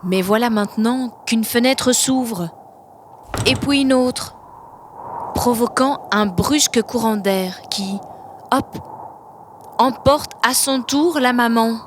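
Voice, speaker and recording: A woman reading a children's storybook aloud, softly and expressively. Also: on the high side, slow, long pauses, a little hiss or hum.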